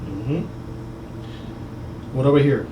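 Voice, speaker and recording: A chiropractor with a medium-pitched voice speaks slowly, guiding a patient through a hands-on exam with brief questions and explanations. The consultation takes place in an indoor clinic. Captured from a distance, the audio is roomy and noisy.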